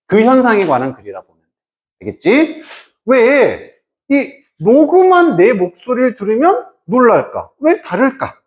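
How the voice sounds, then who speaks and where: Slow, animated Korean English-teacher voice. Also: mid-range voice. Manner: asks students frequent rhetorical check-in questions; reads English phrases slowly, then translates. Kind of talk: explaining an English reading passage in Korean.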